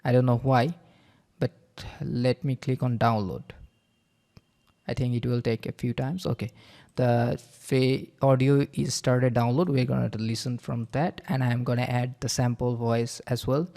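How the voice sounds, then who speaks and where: A man giving a casual screen-recording tutorial, halting with many fillers and repeated okays. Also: mid-range voice, level tone, gravelly, mellow. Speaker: software reviewer.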